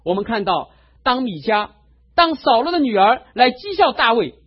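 A male pastor preaching a sermon, telling a personal testimony in an animated storytelling way, in a dull lo-fi recording. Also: very high voice, normal speed, husky. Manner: animated storytelling, acts out quotes.

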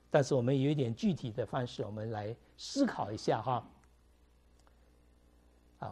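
A middle-aged pastor with a medium-pitched, mellow, husky voice preaches a conversational sermon to his congregation. He mixes in English words and leans on frequent fillers.

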